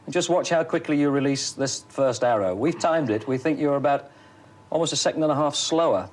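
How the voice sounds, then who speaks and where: A man's voice: medium pitch, a little fast. A man presenting and questioning a guest in an old television interview. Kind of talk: archival TV interview.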